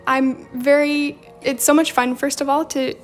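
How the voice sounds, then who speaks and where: Over faint background music, a livestream host with a slight Romanian accent speaks at a measured pace in a high voice with a flat delivery. The young woman chats casually while journaling on stream, reading out viewer comments and responding to them.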